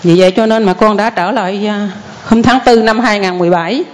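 An older woman tells her story of returning to faith, speaking quickly in a rambling, earnest way and deferring politely to the priest. She runs her sentences together with hardly a pause, her pitch sitting at an ordinary middle height. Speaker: churchgoer giving testimony. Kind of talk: spoken testimony.

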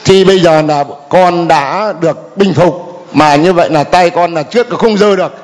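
An older man telling a halting, hesitant personal testimony to a priest at a church gathering. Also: a little high. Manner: hesitant, halting with many fillers. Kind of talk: spoken testimony. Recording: long hall reverb.

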